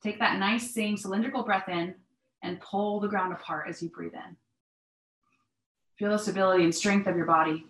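A woman instructor guiding a stretching class with breathing cues in a calm, measured, step-by-step manner. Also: mid-range voice. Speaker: yoga and mobility instructor. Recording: echoey, roomy sound.

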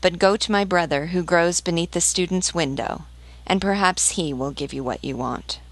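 A woman reading the part of a gentle yellow rose tree in a storybook, slow and measured. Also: lowish voice, no echo, close to an everyday voice.

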